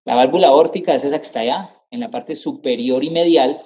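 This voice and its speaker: A middle-aged man lectures on anatomy over slides in a mellow, warm voice. He explains step by step, repeats each term and keeps checking that the class follows. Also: mid-range voice, brisk, dull audio, a little hiss or hum. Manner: explanatory, repeats terms, checks understanding with "¿sí?" and "¿cierto?".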